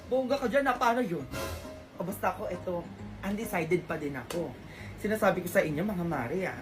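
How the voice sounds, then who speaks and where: A woman's voice: fairly low pitch, expressive, fairly quick, over music. A woman performing a comedy skit in a gossipy, chatty way.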